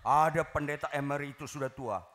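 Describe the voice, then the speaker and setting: A male pastor preaching a sermon to a congregation in a lively, teasing way, often shouting the punchlines. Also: fairly high pitch, brisk, slight background noise. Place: church hall.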